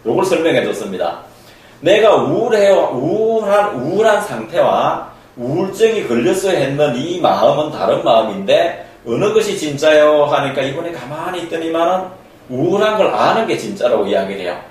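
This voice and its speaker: A man's voice: fairly high pitch, big pitch swings, normal speed, darkish tone. A man giving a spoken lecture as a counselor, emphatic and repetitive, acting out the voices he quotes. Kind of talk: spoken lecture on human nature. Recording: very echoey room, from far off.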